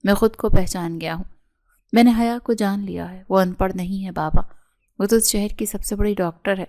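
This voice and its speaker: A woman's voice: mid-range voice, fairly even intonation, dark tone, natural voice. A woman reading the lines of a proud young male doctor who pleads with his wife for forgiveness. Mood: pleading.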